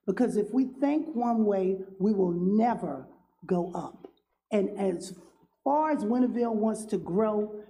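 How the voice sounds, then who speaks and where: A councilwoman with a cold giving earnest, halting closing remarks at a town council meeting, with many pauses and fillers. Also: mid-range voice, warm tone, poor audio. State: has a cold, cough drop in mouth.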